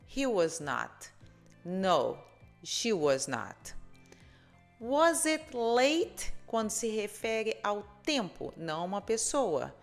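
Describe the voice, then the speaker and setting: Slow-paced woman teaching grammar over soft music. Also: on the low side, vocal fry. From Brazil. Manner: slow, drawn-out English model sentences. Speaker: English teacher. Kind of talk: slow spoken grammar lesson.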